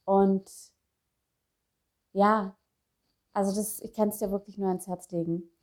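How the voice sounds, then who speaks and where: Middle-aged woman coach, slow soft affirmations, personal motivational talk. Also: medium pitch, steady tone. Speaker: self-help coach.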